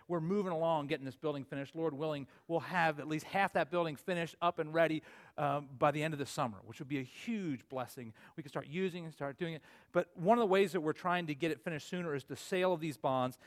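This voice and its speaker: A man in his forties preaching a sermon as pastor, earnest and swinging from emphatic peaks to low asides. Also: a little fast. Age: 40s.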